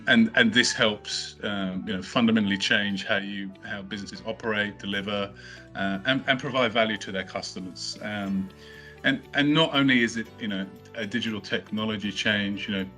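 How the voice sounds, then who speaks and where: A middle-aged company co-founder, a guest on a podcast, answers interview questions casually with a fairly low, sharp-toned voice. His speech is full of fillers and restarts; he is not from Australia and studied in the UK.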